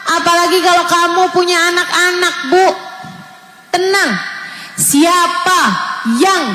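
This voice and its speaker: A middle-aged woman preaching to a gathering of mothers, earnest and coaxing as she speaks to them directly. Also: very high voice. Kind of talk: sermon. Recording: echoey hall with faint ambience.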